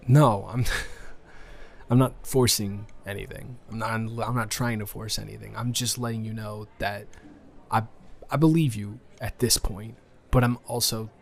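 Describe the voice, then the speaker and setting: A shy outcast schoolboy in a romantic audio drama, voiced by a man, tripping over his words in a slightly low voice. He stutters, restarts and hedges as he talks, nervous and awkward, recorded close to the mic. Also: fairly even intonation, a little slow, creaky. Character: anxious shy new boy at school, outcast. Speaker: audio roleplay performer. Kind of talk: romantic audio role-play.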